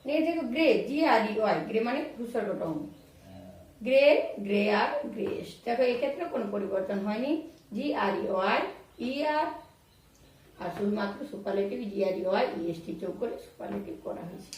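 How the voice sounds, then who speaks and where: A woman teaching English grammar in Bengali, spelling out words letter by letter and repeating examples slowly. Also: mid-range voice, lively intonation, a little mellow, distant mic. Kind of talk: explaining grammar rules to students. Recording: very echoey room, voice off-mic.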